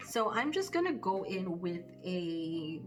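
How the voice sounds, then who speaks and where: Casting: female beauty vlogger, slightly low voice, informal and hesitant, faint music underneath. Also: big pitch swings, slow pace. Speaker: makeup vlogger. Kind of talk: casual makeup tutorial chat, thinking aloud.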